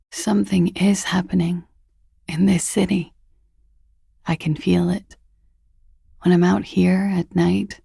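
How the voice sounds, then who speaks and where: Klaasje, husky, creaky, jaded flirt. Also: female voice, lowish voice, warm tone, dry recording, studio quality, full character voice. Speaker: video game character. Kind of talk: video game dialogue.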